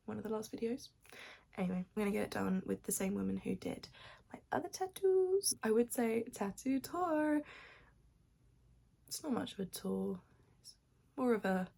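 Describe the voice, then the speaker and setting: Husky, half-whispering young woman. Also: medium pitch, a little mellow. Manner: sleepy, half-whispered, rambling. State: morning voice, just woken up. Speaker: vlogger. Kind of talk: casual morning vlog chat. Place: at home with her cat on her lap.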